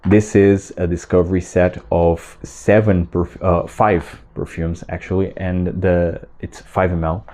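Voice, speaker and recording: Man, low voice, mellow tone, casual vlog chat, enthusiastic, halting with fillers. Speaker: fragrance vlogger. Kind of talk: casual talk to camera.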